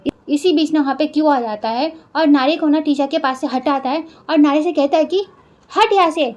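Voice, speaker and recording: A woman with a Hindi accent recapping a television drama in a lively, casual storytelling way. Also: high-pitched, fairly quick. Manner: lively, acts out the characters' quoted lines.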